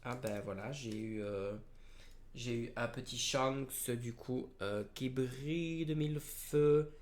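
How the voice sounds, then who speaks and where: Un jeune homme qui commente en direct l'ouverture de cartes à collectionner, sur un ton décontracté, avec beaucoup d'hésitations et de reprises. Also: male voice, medium pitch, slow, a little mellow. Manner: hesitant, many fillers and restarts. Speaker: card opening vlogger. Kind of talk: casual unboxing commentary.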